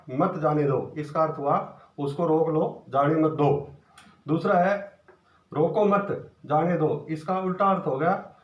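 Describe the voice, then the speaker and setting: A man teaching a primary school grammar lesson, explaining step by step with examples. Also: a little high. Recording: dull, roomy, distant mic.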